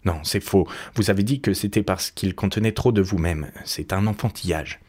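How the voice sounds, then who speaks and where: A man's voice: deep voice, normal speed. A man reading aloud and voicing a cynical, witty English aristocrat with a languid, ironic manner. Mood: dismissive. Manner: languid, ironic, quietly amused.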